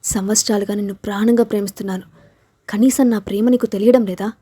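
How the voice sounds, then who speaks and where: A woman's voice: medium pitch, fairly even intonation, quick pace, warm tone, breathy edge, no room sound, natural voice. A woman reading the lines of an intense, possessive young man in love in an audio story. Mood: pleading. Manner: fierce, then tender.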